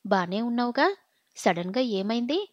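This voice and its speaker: Pushy hot-headed young guy, a lady narrator putting him on, demanding then pleading, fairly high voice, dull dry recording. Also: sing-song, moderate pace, no room sound. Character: young man, pushy, hot-tempered lover.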